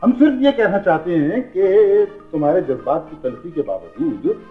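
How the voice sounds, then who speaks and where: A man's voice: a little high, lively intonation, normal speed, lightly acted. An actor playing an older fatherly man who teases mildly and talks patiently, in an old TV drama. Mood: teasing. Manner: mild, dryly humorous. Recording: tinny, phone-like old TV audio, faint music.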